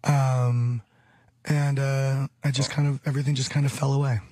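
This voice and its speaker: Husky guy in his 30s rambling on a radio show, dry studio sound. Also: mid-range voice, little pitch movement, normal speed, a little mellow, no echo. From Hollywood, California. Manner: rambling, repeats phrases, chuckles often. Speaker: guest. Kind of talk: casual radio chat.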